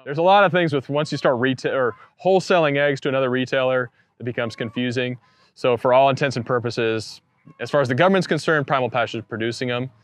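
A man in his thirties, a poultry farmer, explaining his operation in a relaxed, matter-of-fact way during an outdoor farm tour. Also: medium pitch, quick pace, dry recording. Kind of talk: casual farm tour talk. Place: outdoors on a farm pasture beside a coop.

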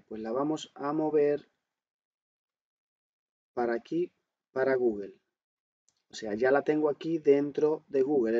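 A man with a warm, medium-pitched voice talks through a smartphone tutorial one step at a time as he demonstrates it. Often asking questions and then answering them, he records this explanatory voice-over on a screen capture, and the sound is dull and lo-fi.

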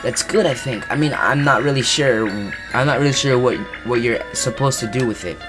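A small, timid paper girl trapped somewhere strange, as a man voices her, her voice pitched up and hesitant. She stumbles over her words and pleads softly, with game music clearly audible underneath. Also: normal speed, close to an everyday voice. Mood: curious.

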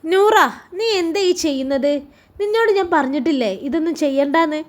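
A woman's voice: high voice, normal speed, a little mellow, close to an everyday voice. A woman voicing a protective young husband who scolds and fusses, in a Malappuram Malayalam accent. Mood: stern. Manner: scolding, fussy.

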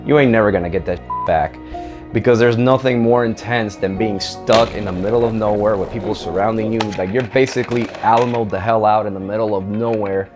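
A man in his thirties, an army medic veteran, giving a candid, profane interview in a dark studio with a joking, blunt manner. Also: lowish voice, fairly even intonation, a little fast. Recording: music underneath.

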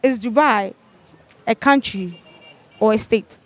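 High-voiced Ghanaian woman hosting street quiz. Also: takes it slowly, heavy background noise. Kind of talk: street interview. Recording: loud music over the voice. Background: loud music.

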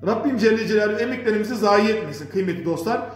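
A man's voice: sits high, lively intonation, racing. A man hosting a diction lesson, speaking earnestly and piously and rambling with filler sounds. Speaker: diction course host. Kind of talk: casual instructional talk. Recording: echoey room with faint music.

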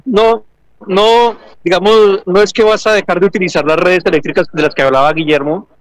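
Hombre con acento colombiano, explicando. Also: male voice, high voice, fairly even intonation, moderate pace, no echo, poor audio. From Argentina and Colombia. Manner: explanatory, checks understanding with frequent "¿sí?". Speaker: electrical engineering lecturer and researcher. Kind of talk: explaining at an education fair stand. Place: large indoor exhibition hall.

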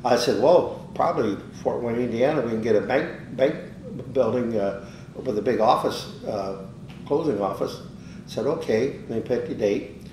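An older man tells a long story in a loose, rambling way and acts out every quoted exchange. The voice sits a little away from the microphone in a roomy space, with a faint rumble underneath. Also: normal speed, darkish tone, distant mic. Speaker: interviewee, business owner. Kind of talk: casual storytelling.

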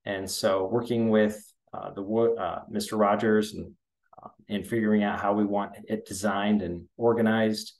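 A man's voice: on the low side, little pitch movement, normal speed, a little mellow. A middle-aged man, a school superintendent, walking through a board meeting agenda over a screen share in an informal, explanatory way, with frequent ums and restarts. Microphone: computer webcam mic.

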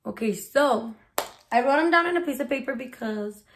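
A twenty-year-old woman chats casually in a Q&A vlog from her small bedroom, using slang and slipping in Spanish words. Her high-pitched voice is animated and moderately paced. Recorded on a phone camera held at arm's length, the audio has a little hiss or hum.

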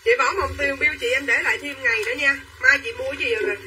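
A young woman selling clothes on a livestream, talking quickly and pushing viewers to claim items. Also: sits high, bright, forceful tone, far from the mic, slight background noise, poor audio. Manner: quick and pushy, urging buyers to claim items. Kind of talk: live-selling chatter to viewers.

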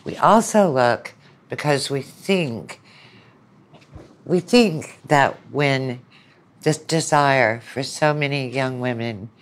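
Her pitch is extremely low and she takes her time. A middle-aged woman lecturer appearing as a guest, she shares her opinions in a chatty way full of anecdotes and quoted asides, analytical and opinionated, quoting imagined speakers.

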